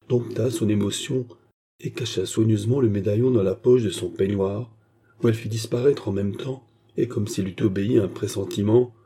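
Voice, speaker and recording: A man reading a novel aloud as scripted narration, with a steady literary delivery and a shift in voice for each character. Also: fairly low pitch, husky. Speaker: audiobook reader.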